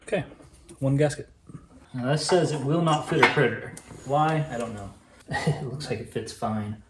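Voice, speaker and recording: A man in his thirties hosting a casual home vlog, relaxed and thinking aloud as he works outdoors on a cold evening. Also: medium pitch, moderate pace. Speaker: channel host and dad. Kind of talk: casual hands-on vlog chat. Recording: noisy outdoor camera recording.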